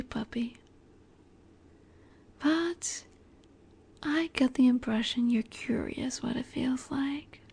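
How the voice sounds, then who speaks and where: In an intimate roleplay audio drama, a woman voices a seductive, possessive vampire. Her fairly high, soft, breathy voice teases and coaxes, often slipping into whispers.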